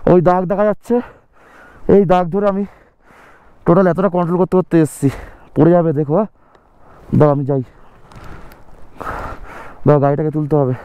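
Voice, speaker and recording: A man's voice: fairly high pitch, level tone, brisk, pauses often, smooth, muffled recording. Man vlogging on an icy road. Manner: breathless, alarmed commentary on slippery icy road. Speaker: motorcycle travel vlogger. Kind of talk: casual travel vlog narration. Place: outdoors on a snowy mountain road.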